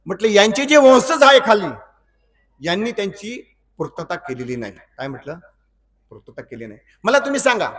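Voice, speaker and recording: A man's voice: high-pitched, a bit bright, recorded from a distance. A preacher from Maharashtra giving a storytelling sermon, acting out dialogue between the characters and asking his listeners rhetorical questions before repeating a line. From Maharashtra, India. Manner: asks the audience rhetorical questions and repeats lines.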